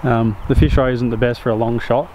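A man's voice: medium pitch, steady tone, brisk, a little mellow. Laid-back Australian guy vlogging. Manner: laid-back, rambling with fillers and swearing. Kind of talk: casual vlog chat. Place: car interior, then outdoors on a site. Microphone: action camera, fisheye. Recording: noisy car and outdoor ambience.

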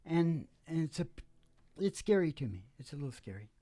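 On a small curtained indoor stage, with acoustic guitar in the background, this music-podcast host and singer-guitarist chats loosely and emphatically, leaning on repeated phrases and "you know." He's middle-aged, with a slightly high, very animated, dark-toned voice at a fairly quick clip. A close stand microphone gives a dry recording.

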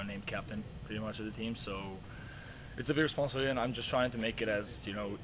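A man's voice: on the low side, noisy background. A young man, a college tennis player, giving a casual post-match interview outdoors at night by the courts, earnest and full of fillers. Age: young adult.

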